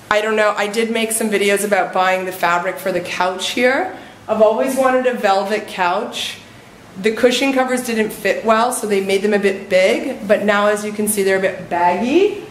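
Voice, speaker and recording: There's a little hiss or hum under her mid-range voice. She's a thirty-something vlogger strolling through her warm-climate house with its open patio, filming handheld on a phone often at arm's length, and her relaxed, upbeat walkthrough is packed with "like" and "you know."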